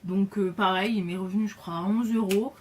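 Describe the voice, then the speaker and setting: A woman's voice: mid-range voice, steady tone, fairly quick, slight background noise. A woman chatting casually in a beauty haul video, enthusiastic, with lots of fillers and repeated words. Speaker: beauty vlogger.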